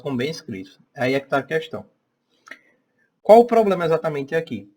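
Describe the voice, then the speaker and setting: A young man with a Northeastern Brazilian accent teaching an online class. He keeps checking in with "tá?" and "né?" as he talks. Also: mid-range voice. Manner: chatty, checks in often with "tá?" and "né?".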